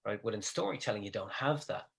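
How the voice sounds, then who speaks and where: A man's voice: lowish voice, animated, fast, vocal fry, a bit bright. A man, a comedian, telling stories in casual livestream chat and mimicking the people he quotes.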